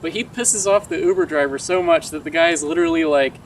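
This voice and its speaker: A young American vlogger tells a story casually, cursing freely and acting out quoted dialogue with lots of animation. His voice is a little high and fast, picked up by a distant mic with clear traffic noise from outdoors.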